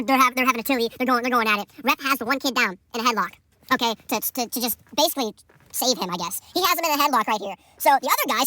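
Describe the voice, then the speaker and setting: Excitable man telling a wild story. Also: high-pitched, no room sound. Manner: excitable, animated, repeats words. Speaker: hockey coach. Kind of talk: casual storytelling.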